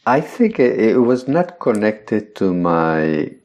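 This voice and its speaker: A man's voice: fairly low pitch, big pitch swings, takes it slowly, darkish tone. An older man from Spain, a guest speaking reflectively on a podcast over a video call. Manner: reflective, thoughtful, laughs lightly. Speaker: guest, meditation teacher.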